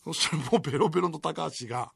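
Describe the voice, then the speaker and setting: A high, bright-voiced man in his forties hosts a late-night radio show from a studio. He tells a long story in a lively way and laughs often. The sound is close and dry. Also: fast talker, gravelly, slightly rough, no echo. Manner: animated storytelling with frequent laughter. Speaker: radio host. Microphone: studio microphone.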